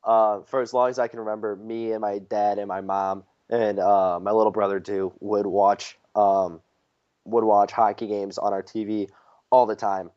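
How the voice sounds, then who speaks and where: A man's voice: fairly low pitch, level tone, normal speed. Rambling young man on lo-fi audio. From St. Louis area. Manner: rambling storyteller with frequent fillers. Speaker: podcast co-host. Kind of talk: casual chat. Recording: dull lo-fi podcast audio.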